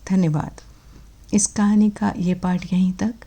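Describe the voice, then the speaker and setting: A woman narrating a story in a steady, read-aloud way, then addressing listeners directly. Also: mid-range voice, a little slow, husky.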